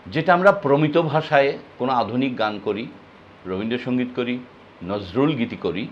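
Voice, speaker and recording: A man's voice: mid-range voice, highs cut off, slight background noise. Man teaching singers pronunciation. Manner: explains slowly, demonstrates words and sung phrases. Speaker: music teacher. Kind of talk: spoken music lesson on pronunciation.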